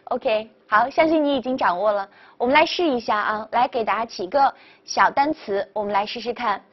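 Lady teacher w a high voice, cheery, praises a lot, bit muffled lo-fi sound. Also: brisk. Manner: upbeat, praising, repeats model words. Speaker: French pronunciation teacher. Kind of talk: video language lesson. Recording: dull lo-fi recording.

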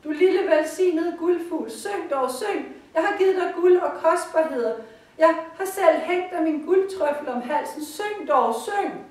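A woman's voice: high voice, steady tone, hardly any pauses, darkish tone, pitched above the performer's own voice, natural voice. A woman voicing a desperate, dying old emperor who cries out and pleads. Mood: desperate pleading. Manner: crying out, pleading. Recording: roomy, far from the mic.

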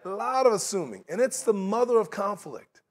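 A man's voice: high-pitched, big pitch swings, moderate pace. A middle-aged man preaching a sermon in a large church sanctuary, talking in a conversational way and slipping into mocking voices for his examples.

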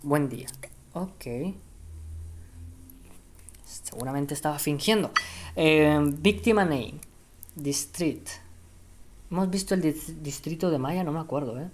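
A woman's voice: sits low, slow, pauses often, slight background noise. A woman from doing casual game commentary and reading dialogue aloud, hesitant and thinking aloud with many fillers. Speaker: gameplay streamer.

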